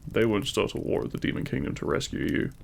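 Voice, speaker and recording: A man with a gravelly voice plays a devoted, teasing demon king in an intimate romantic audio roleplay, speaking tenderly and protectively in courtly, formal phrasing. His delivery is fast and lightly acted.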